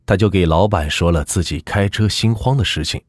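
A man narrating a folk ghost story in a husky voice, with lively, dramatic delivery. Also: low voice, a little fast, no room sound.

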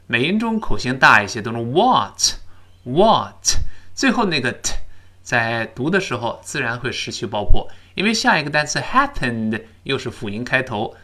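A man teaching spoken English, explaining words and then drilling them slowly for learners to repeat. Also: medium pitch, pushed and bright.

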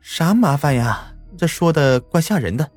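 A man's voice: on the high side, expressive, normal speed, faint music behind, pitched above the performer's own voice. A man voicing an anxious, fretful village mother in an audio story, speaking urgently.

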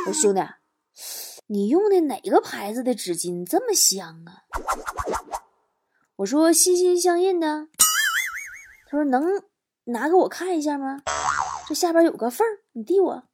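A woman's voice: high voice, normal speed, pauses often, over music. A woman hosting a talk show, telling jokes and funny stories in a comic monologue, acting out the quoted lines. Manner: lively, acts out quoted lines with laughs.

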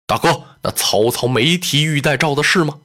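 Two loyal generals scold their elder brother in low, earnest, worried voices. A storyteller puts them on with a lowered, reproachful tone. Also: normal speed, fairly bright tone, close to an everyday voice.

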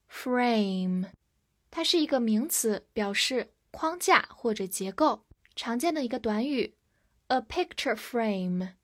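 Woman teacher spelling words slowly. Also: fairly high pitch. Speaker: English vocabulary teacher.

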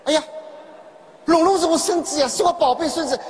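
A man playing a sly, sharp-tongued old grandmother from Shanghai with a Shanghai accent, who mocks and feigns confusion in a stage comedy sketch. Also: very high voice, fairly quick. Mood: mocking. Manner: mocking, feigns confusion, teases. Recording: reverberant hall with audience and noise.

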